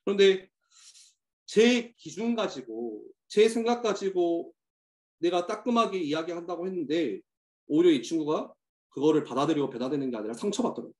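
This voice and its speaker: A man's voice: on the high side, lively intonation, normal speed, darkish tone. Earnest male pastor in an echoey room. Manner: earnest, preacherly, with many filler "uh"s and personal stories. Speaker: youth ministry pastor addressing teachers. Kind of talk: sermon message to church teachers.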